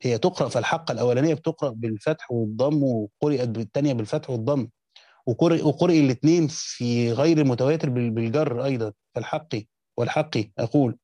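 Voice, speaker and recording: A man's voice: medium pitch, fast, mellow, no room sound. A man with an Egyptian accent, reading passages from a classical commentary and explaining them in a teaching style, often breaking off and restarting mid-phrase. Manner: reads quoted text then explains in colloquial speech, with frequent restarts. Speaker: teacher of Quranic exegesis.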